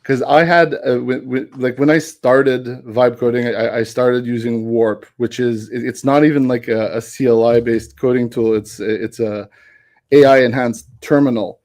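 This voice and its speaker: A man's voice: mid-range voice, steady tone, a little mellow. A man guesting on a casual tech chat who rambles, restarts his sentences and laughs easily. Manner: rambling, self-correcting, quick to laugh. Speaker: guest developer.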